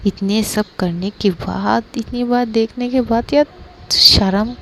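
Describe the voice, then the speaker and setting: A woman's voice: fairly high pitch, steady tone, slow, a little hiss or hum. A woman voicing Maisha, a bold, playful young wife who teases her partner, in a read-aloud love story; she stammers now and then. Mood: teasing. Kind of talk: storytelling role-play.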